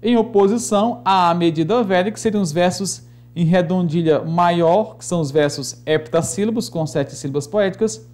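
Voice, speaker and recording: A man teaching a recorded literature lesson, patiently explaining rhyme and meter, slowing down to count syllables aloud and often checking in with "né" and "tá". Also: high voice, darkish tone.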